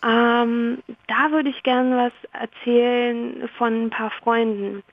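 A young woman reads her own fantasy tale with expression, then slips into easy, laughing chat. Her voice sits a little high. The recording is dry and slightly dull. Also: fairly even intonation, slow, vocal fry, no room sound. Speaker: guest reading her own story. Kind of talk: expressive story reading, then casual chat.

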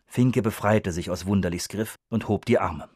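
A man's voice: lowish voice, moderate pace, darkish tone, breathy edge, no echo, clean studio sound. Man narrating an audiobook.

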